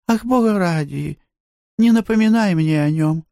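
Man doing a shrill squealing young barmaid. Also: measured pace, warm tone, no echo, clean studio sound. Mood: squealing pleading. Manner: shrill pleading, breaks into squeals. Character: young barmaid, squealing, giggly, easily disgusted.

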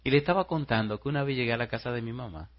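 A man preaching a sermon as pastor. He tells stories quietly and then rises into loud rhetorical questions to the congregation. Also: mid-range voice, racing, lo-fi sound.

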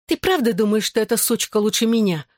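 A woman's voice: medium pitch, moderate pace, no echo, clean studio sound, pitched above the performer's own voice, lightly acted. Reader putting on a spiteful, whining ex-girlfriend. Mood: pleading, spiteful. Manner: whining, snapping and pleading. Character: young woman, jealous, pushy and spiteful ex-girlfriend. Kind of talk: audiobook character voice.

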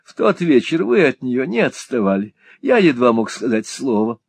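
Male reader playing a fluttery young aristocrat for an audiobook, high and lively, slow drawn-out outbursts, dry close sound. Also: creaky, husky, dry recording, full character voice. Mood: gushing. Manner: high, gushing, exclamatory. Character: foppish young male lord, besotted and excitable.

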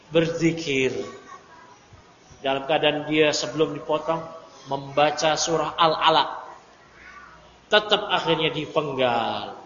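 A man teaching a religious study lecture, lively and teasing his audience in asides. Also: high-pitched. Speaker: Islamic teacher. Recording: echoey hall, dull lo-fi audio, faint hiss.

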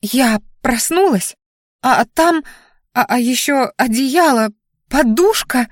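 A woman's voice: mid-range voice, moderate pace, no echo, natural voice. Woman doing a flustered young student girl. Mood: panicky. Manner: flustered, stammering, breathless. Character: anxious young female student roommate. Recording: dry close audiobook recording.

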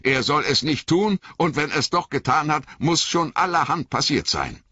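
A man's voice: a little high, lively intonation, normal speed, sharp tone, slightly rough, no room sound, voice pushed up, exaggerated voice. A man playing an earnest, agitated hobbit. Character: stubborn loyal male hobbit servant. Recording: dry, slightly dull audio.

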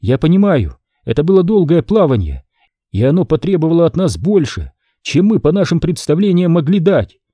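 A man voicing a tense woman navigator on the edge of losing control, talking urgently and sometimes shouting. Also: a little high, sing-song, brisk, slightly rough, no echo, highs cut off, voice pushed up. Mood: pleading. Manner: urgent, strained, at times shouting. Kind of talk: audiobook character reading.

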